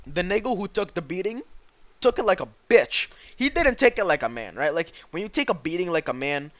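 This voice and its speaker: A young man hosting a podcast, ranting loudly and crudely, breaking into squealing acted outbursts. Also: a little high, no echo, highs cut off. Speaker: podcast host. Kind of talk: casual podcast chat.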